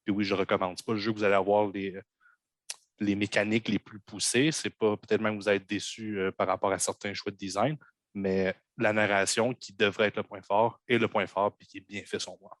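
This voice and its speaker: A Québécois man chats through a game review on a podcast, often pausing on fillers as he gathers his thoughts. His voice sits on the low side and is recorded close and dry, with no room sound. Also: fairly even intonation, a bit bright, dry recording. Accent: Québécois French. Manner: hesitant, many fillers. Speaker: podcast co-host. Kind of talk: casual game review chat.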